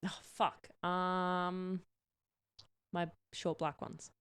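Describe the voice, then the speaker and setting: A young woman co-hosting a casual podcast, answering bluntly in short, deadpan replies and swearing freely. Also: fairly low pitch, very slow, clear, resonant tone, dry recording. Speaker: podcast co-host answering questions. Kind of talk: casual chat.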